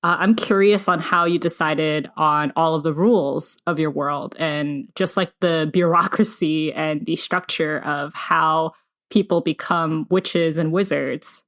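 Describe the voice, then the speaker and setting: Chatty woman podcast host, lower voice. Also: fairly even intonation, unhurried, fairly bright tone. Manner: chatty, many fillers, laughs readily. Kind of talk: casual interview chat.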